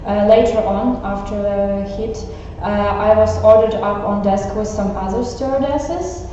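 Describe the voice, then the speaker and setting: A woman plays a stewardess who survived a shipwreck, recounting it calmly in a school role-play interview, with some hesitant fillers. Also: medium pitch, unhurried, slight background noise, lightly acted. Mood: earnest. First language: Ukrainian. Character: grown woman, ship stewardess recalling a shipwreck. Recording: echoey classroom, far mic, dull.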